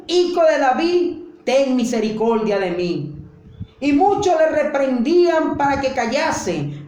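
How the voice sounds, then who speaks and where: A woman preaching a fervent sermon, driving her points home with rhythmic, repeated phrases. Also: sits high. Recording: very echoey room.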